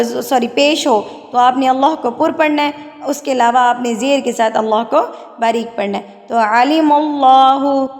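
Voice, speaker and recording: A woman with a Pakistani Urdu accent teaching Quran recitation, chanting verses slowly and melodically, then explaining the rules briskly. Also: high-pitched, long reverb tail. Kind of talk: tajweed lesson alternating slow recitation and explanation.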